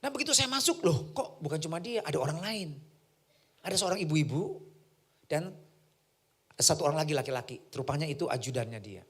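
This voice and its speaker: A man preaching a sermon, telling a personal story in an animated way and acting out the voices of the people in it. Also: a little high, brisk, long pauses, slightly rough. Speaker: pastor.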